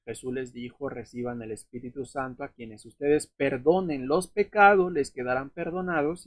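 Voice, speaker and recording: In an unscripted Bible lesson, a man explains scripture in a laid-back way, lingering on fillers and using tag questions to check in. His mid-range voice is husky and a bit worn, sounding close and dry with no echo from the room.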